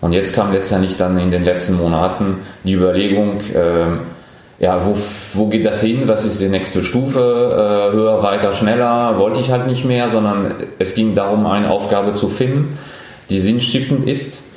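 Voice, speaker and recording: Low-voiced French-accented man in his forties. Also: fairly even intonation, a little mellow, heavy reverb. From France. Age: 40s. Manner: thoughtful, many pauses and fillers. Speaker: startup founder. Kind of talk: interview answers.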